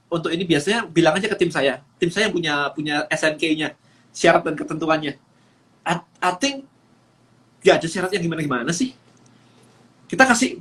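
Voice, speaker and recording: A man's voice: high voice, a bit bright. A man coaching on a live stream, talking energetically and mixing English phrases into his speech with frequent fillers. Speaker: business coach.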